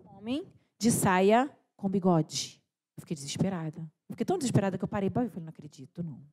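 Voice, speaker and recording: A woman's voice: medium pitch, lively intonation, quick pace, a little mellow. A young adult woman preaching at a church service, telling a story with quoted dialogue and frequent restarts. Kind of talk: sermon.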